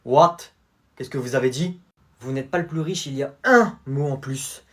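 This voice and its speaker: A man's voice: medium pitch, normal speed, a bit bright, lightly acted. A man voicing an arrogant prince who boasts about being the richest in the world. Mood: pompous. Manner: pompous, boastful.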